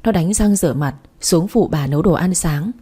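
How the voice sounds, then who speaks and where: Woman narrator, storybook reading, low-pitched and husky. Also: moderate pace, dark tone.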